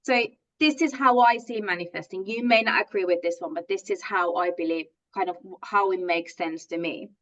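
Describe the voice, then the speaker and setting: At a moderate pace with few pauses, a middle-aged Finnish woman speaks in a mid-range, slightly bright voice while giving an online coaching masterclass. She is a native Finnish speaker and a positive psychology coach, earnest and enthusiastic, with many fillers and restarts. The audio is dull.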